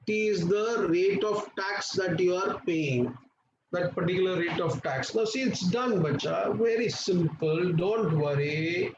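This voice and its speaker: A man's voice: sits high, measured pace. A man with an Indian accent teaching a live online class, insistently prompting students with repeated questions and endearments. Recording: roomy, muffled, noisy online class audio.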